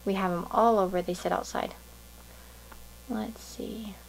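A woman's voice: medium pitch, steady tone, unhurried, vocal fry, slight background noise, rough recording. A woman giving a casual pick-a-card tarot reading to viewers, musing and thinking aloud in a meandering way.

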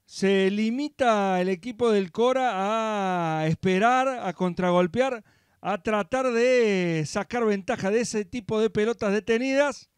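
Measured football analyst man. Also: high-pitched, clean tone, dry recording. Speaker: match analyst. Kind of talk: live football commentary.

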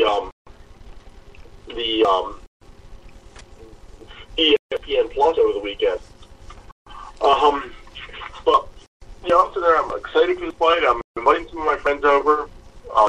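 A man's voice: mid-range voice, a bit bright, slightly rough, recorded from a distance, highs cut off. A man co-hosting a fight podcast, telling a long self-mocking story in casual chat. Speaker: podcast co-host.

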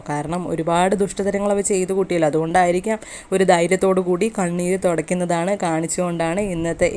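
Woman, rapid chatty serial recap, low mellow voice, conversational. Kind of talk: casual spoken episode recap.

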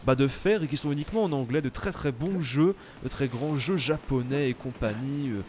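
A young French man giving casual, animated commentary while playing a video game, exclaiming at the action. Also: medium pitch, moderate pace, a little hiss or hum. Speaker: let's play host.

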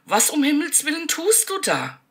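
A woman's voice: lowish voice, big pitch swings, unhurried, sharp tone, breathy edge, full character voice. A woman voicing a brave, caring seventeen-year-old girl who speaks urgently and with indignation. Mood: shocked.

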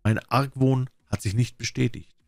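A man's voice: medium pitch, steady tone, moderate pace, gravelly, a little mellow, no echo, studio quality, pitched above the performer's own voice, close to an everyday voice. A man voicing a passionate young Spanish woman in an audiobook, speaking heatedly and with emphasis. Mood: earnest. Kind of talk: audiobook character voice.

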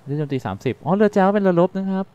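A man hosting a let's-play, talking quickly and casually as he thinks aloud and reads out game text. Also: high voice, expressive, mellow, smooth, muffled recording. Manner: translates game text on the fly. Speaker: gaming channel host.

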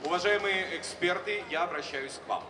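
Briskly and in a high-pitched voice, a middle-aged ceremony host delivers short, formal stage announcements into a handheld microphone. The PA of a large exhibition hall carries it, recorded from afar with echo, music behind, and background noise.

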